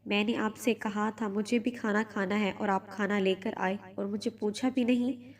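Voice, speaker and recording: A woman's voice: mid-range voice, steady tone, natural voice. A woman reading as a shy young bride. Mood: timid. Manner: soft-spoken, hesitant. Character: shy young new bride, timid and soft-spoken.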